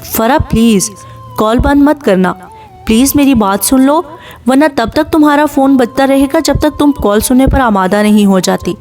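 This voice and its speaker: Smooth pushy guy on the phone , woman voicing him, calm and coaxing, distant mic soft music. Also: fairly high pitch, natural voice. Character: persistent young man caller, smooth and insistent.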